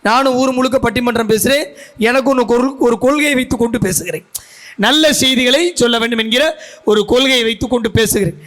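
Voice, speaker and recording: A man's voice: very high voice, fast talker, a bit bright. A man giving a guest speech at a school function, telling stories and putting questions to the audience as a seasoned debate speaker. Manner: storytelling orator who asks the audience questions.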